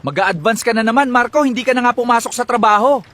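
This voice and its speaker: A male actor plays a stern, lecturing man in a melodrama. His voice is high for a man and moves quickly, over some music. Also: a bit bright. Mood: scolding.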